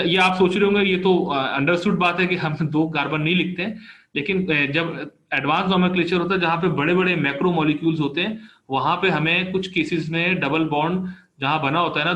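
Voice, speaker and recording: A man's voice: fairly high pitch, a bit bright. A man giving a recorded chemistry lecture, explaining patiently step by step through on-screen examples. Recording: roomy, slightly dull lo-fi recording.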